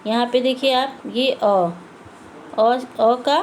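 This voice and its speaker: A woman's voice: a little high, drawn-out words, slight background noise, rough recording. A woman teaching a Hindi lesson to young children, patiently repeating words and asking and answering her own questions. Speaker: primary school Hindi teacher.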